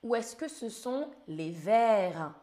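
Slightly hoarse woman teaching slowly. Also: a little high, lively intonation, warm tone. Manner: slow, carefully articulated, spells words letter by letter. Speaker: French teacher for learners. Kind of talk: live-streamed language lesson quiz.

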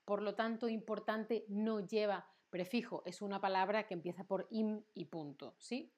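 A woman's voice: mid-range voice, normal speed, a little mellow, dull audio. A woman teaching grammar in a livestream lesson, patient and repeating words to drill them. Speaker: Spanish teacher.

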